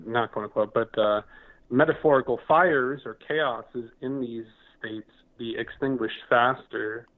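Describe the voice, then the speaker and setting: A man calling in to a talk show over the phone, halting and stammering with many restarts. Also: medium pitch. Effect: heard over the phone. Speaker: caller. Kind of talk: call-in radio talk. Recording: tinny phone line.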